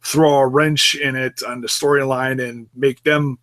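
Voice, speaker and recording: A man's voice: mid-range voice, level tone, measured pace, a bit bright. A married man co-hosting a wrestling podcast, telling stories in a laid-back way and laughing easily. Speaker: podcast co-host. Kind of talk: casual wrestling podcast chat.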